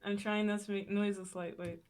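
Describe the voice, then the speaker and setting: A woman's voice: mid-range voice, little pitch movement, moderate pace, a little hiss or hum. Give me a laid-back woman on a choppy call, her words cutting out at the ends. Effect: choppy call audio, words cutting out. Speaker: guest artist. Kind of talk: casual chat on a call.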